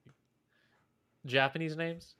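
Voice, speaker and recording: Young guy on a tech podcast reading news out loud, trips on names, dry close sound. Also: fairly high pitch, fairly even intonation, takes it slowly, clean tone, dry recording. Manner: stumbles over names, restarts words while reading. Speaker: podcast co-host. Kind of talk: casual tech podcast chat, reading articles aloud.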